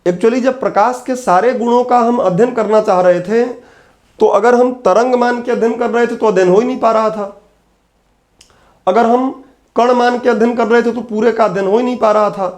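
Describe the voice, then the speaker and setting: A man's voice: very high voice, steady tone, moderate pace, darkish tone. A man teaching an exam-prep physics lecture, patiently repeating key terms and answering his own questions.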